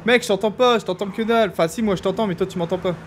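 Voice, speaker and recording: A young man from France giving casual, animated commentary as he streams a game. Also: high-pitched, racing. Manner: chatty, animated, jokey, exclaims loudly. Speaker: gaming streamer. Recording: faint background noise.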